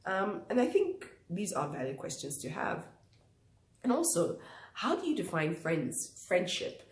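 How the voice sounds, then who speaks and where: Casting: young female vlog host, low-pitched, nasal and croaky from flu, out of breath, chatting reflectively in an echoey room. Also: very animated, measured pace. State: congested with flu, short of breath. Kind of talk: casual reflective talk to viewers.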